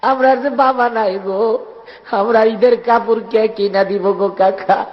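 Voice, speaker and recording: A man's voice: high-pitched, fairly even intonation, measured pace, big-room sound, soft background music. A man voicing a weeping little orphan boy who pleads with his uncle for new clothes. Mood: tearful pleading. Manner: sobbing, pleading. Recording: lo-fi recording.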